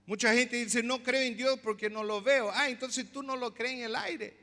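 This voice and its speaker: A male pastor preaching a sermon, explaining slowly, repeating words and asking the congregation questions. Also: very high voice, steady tone, pushed and bright, long reverb tail. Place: church.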